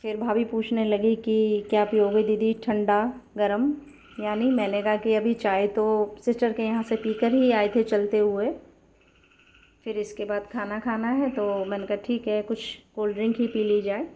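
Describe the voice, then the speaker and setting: A woman narrating a vlog voice-over in a soft, even storytelling manner. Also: medium pitch, normal speed. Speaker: vlogger.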